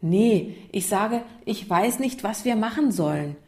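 A woman's voice: medium pitch, expressive, a little slow, close to an everyday voice. A woman voicing a curious, sensible young schoolboy who asks eager questions, in a storybook reading. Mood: calm. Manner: eager questioning, quiet whispers.

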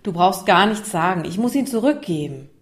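A woman's voice: medium pitch, animated, a little slow, lightly acted. A woman doing a cheerful little schoolgirl. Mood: upset. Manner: gentle, secretive whispering at times. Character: young schoolgirl, cheerful but torn.

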